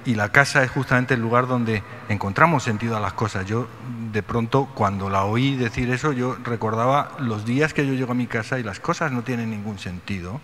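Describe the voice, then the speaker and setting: A middle-aged man gives a measured, reflective lecture from a podium in a large ornate hall. Long reverb from the hall trails his words, and a faint hiss sits underneath. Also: medium pitch, a bit bright. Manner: reflective, measured, rhetorical questions. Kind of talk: conference lecture. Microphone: podium microphone.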